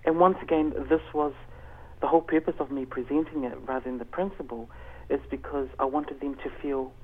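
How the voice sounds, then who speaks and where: A man's voice: medium pitch, fairly even intonation, fairly quick, slight background noise. A man giving earnest, explanatory answers as a guest in a conversational interview. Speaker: interview guest, education facilitator. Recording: tinny narrow phone line.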